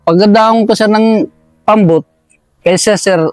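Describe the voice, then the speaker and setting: A man's voice: high-pitched, steady tone, slow, darkish tone, no echo, soft background music. Deferential man telling a war story. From Eastern Samar, Philippines. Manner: deferential, says "sir" constantly. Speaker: militiaman guest.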